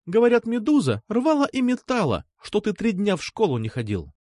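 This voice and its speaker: A man's voice: high voice, huge pitch swings, brisk, a little mellow, dry recording, pitched above the performer's own voice, full character voice. Nastya, a man voicing a bossy teasing girl. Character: young woman, brisk, teasing, bossy classmate.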